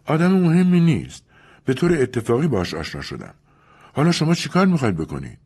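A man's voice: medium pitch, big pitch swings, a little mellow, husky, pitched above the performer's own voice. A man voicing a cunning young woman in an audiobook, defiant and pleading by turns. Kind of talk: audiobook character reading.

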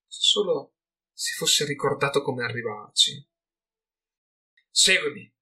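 Guy reading a fantasy audiobook, bright forceful tone, kinda husky, measured delivery. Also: medium pitch. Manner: measured, dramatic storytelling. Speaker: audiobook narrator. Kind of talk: scripted narration.

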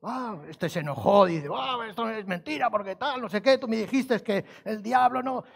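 Man playing a fed-up rich man, grumbling, high male voice, sermon anecdote. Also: moderate pace, creaky, husky, in a large hall, exaggerated voice. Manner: exasperated, grumbling. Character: rich man complaining about his ruined house.

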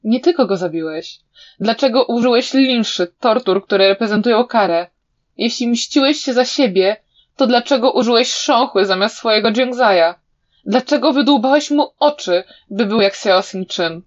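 A woman voicing a sharp-tongued young male hero who cuttingly provokes and interrogates his enemy, in a slightly dull recording. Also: fairly high pitch, normal speed, close to an everyday voice. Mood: taunting.

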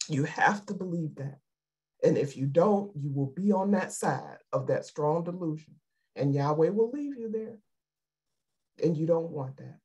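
A woman's voice: sits low, darkish tone, breathy edge. A woman giving an emotional, fervent sermon over a video call, repeating her exhortations. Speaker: lay preacher.

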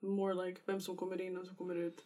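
A young speaker in casual chat who gives calm, brief, agreeing replies. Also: medium pitch.

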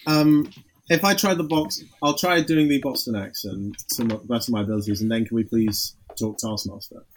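A man's voice: mid-range voice, moderate pace, rough recording. A man co-hosting a podcast in casual chat over a remote call, talking in hesitant stops and restarts. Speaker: podcast co-host.

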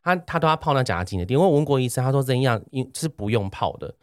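Fast, lively man talking with braces. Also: medium pitch, no room sound, studio quality. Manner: talks while wearing clear dental braces, fluent. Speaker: podcast host. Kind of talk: casual podcast chat with product recommendation.

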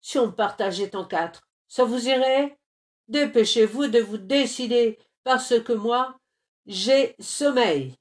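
A woman's voice: a little high, takes it slowly, voice pushed up. A woman voicing a strong, sleepy male bear who grumbles and bellows, in a storybook reading.

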